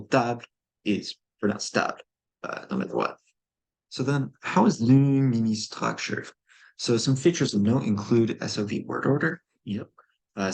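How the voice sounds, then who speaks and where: A man with a low, somewhat breathy voice walks through a constructed language in a casual explainer. He sounds out syllables one at a time and fills the gaps with ums and uhs. His interest comes through as dry, nerdy enthusiasm. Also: a little mellow. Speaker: conlang presenter.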